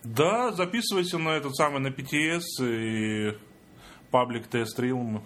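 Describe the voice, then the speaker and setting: A man's voice: medium pitch, unhurried, a bit bright, slight background noise. A man in a casual chat, explaining things and acting out short quotes. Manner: chatty, acts out quotes.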